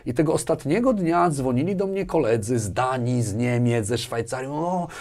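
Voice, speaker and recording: Seated in a small furnished studio and wearing a lapel mic, a man who works as a business manager talks casually as an interview guest. He speaks at normal speed in an expressive, slightly mellow medium-pitched voice, repeating words and checking in with quick tag questions.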